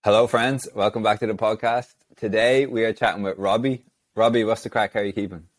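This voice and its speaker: A man's voice: on the low side, steady tone, brisk, no room sound. A man, recorded close and dry. He hosts a podcast in a polite, informal, conversational style. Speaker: podcast host. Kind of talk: casual chat interview.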